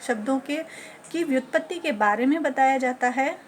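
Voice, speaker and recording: A woman teacher educator giving a lecture on teaching methods, listing points one by one in a measured way. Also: high-pitched, a little hiss or hum.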